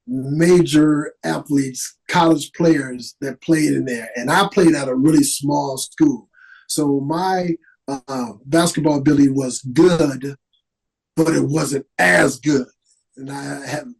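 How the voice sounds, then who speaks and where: A middle-aged man, an actor, telling stories in an animated, casual way as a podcast guest. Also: medium pitch, vocal fry, slightly rough, poor audio. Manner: animated, lively storyteller with restarts. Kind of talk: casual interview storytelling.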